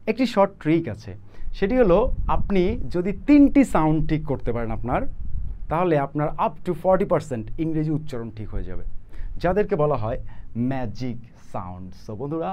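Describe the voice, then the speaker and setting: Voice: mid-range voice, a little mellow. A Bengali-teacher, explaining pronunciation and demonstrating sounds by repeating them, in a classroom. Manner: demonstrates sounds by repetition, asks listeners questions. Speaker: spoken English teacher. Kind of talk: explanatory video lesson.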